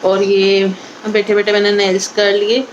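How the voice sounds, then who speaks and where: A woman's voice: mid-range voice, completely flat delivery, measured pace, muffled recording, a little hiss or hum. A woman, vlogging in a casual chatty way and talking straight to her viewers, with a slight cough. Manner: chatty, addresses viewers directly. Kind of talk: casual vlog narration.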